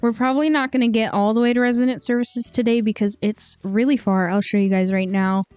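A woman's voice: fairly high pitch, steady tone, a little fast, darkish tone, clear, resonant tone, no echo, faint music behind. A young woman hosting a gaming channel, chatting casually over gameplay in an upbeat way with a slight lisp from braces. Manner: chatty and upbeat, with frequent ums. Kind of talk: casual game commentary voice-over.

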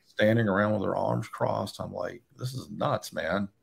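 Speaking as a guest on a video call, this Georgia-born photographer in his forties talks through a webcam from indoors at home. His lowish voice is creaky and husky, moving at a normal speed. The conversation is casual, full of blunt stories peppered with swearing.

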